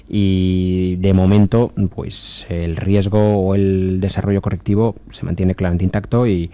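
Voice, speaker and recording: A man's voice: deep voice, mellow, no echo. A man working as a market analyst on a radio call-in show, explaining stock charts at length with frequent hesitations. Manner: measured technical explanation with many fillers.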